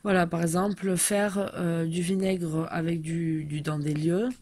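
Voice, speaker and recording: A woman's voice: lowish voice, steady tone, measured pace, warm tone. A woman in her thirties chatting casually through a tarot deck review, hesitant and full of fillers.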